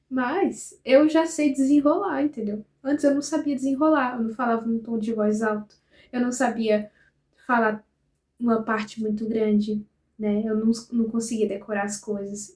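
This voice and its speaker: Young Brazilian woman vlogger, animated storyteller, slightly high voice with a mellow tone. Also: reverberant. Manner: chatty, animated retelling with quoted dialogue and frequent tag questions. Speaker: psychology student vlogger. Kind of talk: casual storytelling vlog.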